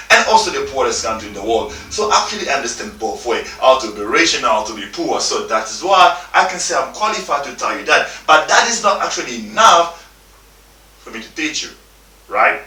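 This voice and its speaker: A man in his thirties delivers a motivational talk in emphatic, repetitive English. His voice is bright and forceful, and it rises and falls widely. He sounds a little distant in an echoey room, with faint music underneath. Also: mid-range voice. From Democratic Republic of the Congo. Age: 30s. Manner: emphatic, repeats himself, informal non-native English phrasing. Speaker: motivational speaker.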